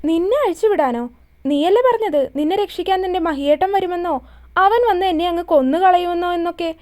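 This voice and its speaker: A woman's voice: very high-pitched, animated, a little fast, warm tone. A woman voicing a cruel young man who holds a woman captive, in a mocking, menacing way.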